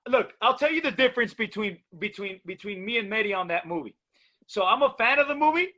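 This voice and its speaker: A man's voice: high voice, expressive, fast talker, bright, forceful tone. A man co-hosting a casual podcast, playful and teasing, calling people dude. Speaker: podcast co-host.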